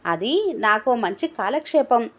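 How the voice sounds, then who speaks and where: A woman's voice: a little high, big pitch swings, a little slow. Woman voicing a leering male blackmailer. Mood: taunting. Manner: leering, taunting. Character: sleazy young male blackmailer, mocking and crude.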